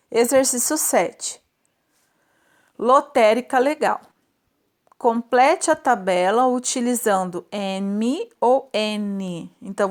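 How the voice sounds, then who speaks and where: A woman teacher going through a spelling lesson for children, patiently drawing out each example word and checking in with short questions. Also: a little high. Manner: slow, patient, stretches out example words; checks in often with tag questions.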